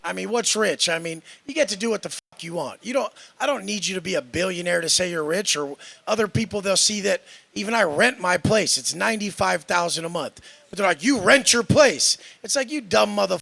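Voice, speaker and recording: A man with a high, very gravelly voice and a bright, tense edge talks in a brash, cocky rant. He curses constantly and dismisses everyone around him. The sound is dry and close. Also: brisk, no echo. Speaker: fitness influencer in a clip.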